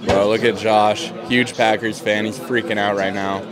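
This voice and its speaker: A man's voice: on the low side, flat delivery, normal speed, over music. A young man in his twenties vlogging from a bar and then from his parked car, chatting casually and recapping crude jokes from his comedy set. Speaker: comedian vlogging an open mic night. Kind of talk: casual vlog chat. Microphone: handheld camera at arm's length.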